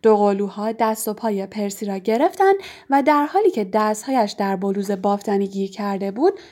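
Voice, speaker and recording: A woman's voice: animated, warm tone. A woman reading a children's novel aloud, raising her voice for the characters' lines. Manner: raises her pitch for quoted characters. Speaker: narrator.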